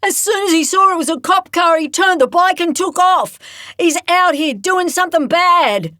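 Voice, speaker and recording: A woman's voice: very high-pitched, expressive, moderate pace, bright, forceful tone, no room sound, studio quality, pitched above the performer's own voice, exaggerated voice. A woman voicing an agitated teenage boy who holds a rifle, frantic and accusing.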